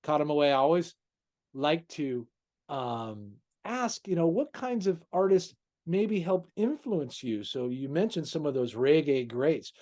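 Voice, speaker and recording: A man's voice: fairly high pitch, a little slow, darkish tone. A male interview host who talks in an effusive way, praising his guest and calling him brother. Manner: effusive, calls guest "brother", many "you know"s. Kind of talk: casual interview.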